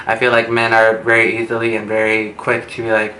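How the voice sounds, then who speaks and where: A man's voice: fairly low pitch, monotone, sharp tone. A young man in a casual storytime vlog, chatty, campy and dramatic, his speech slightly lisped from wearing retainers. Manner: campy, dramatic, gossipy delivery with drawn-out words. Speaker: beauty vlogger telling a story. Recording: echoey room with faint background noise.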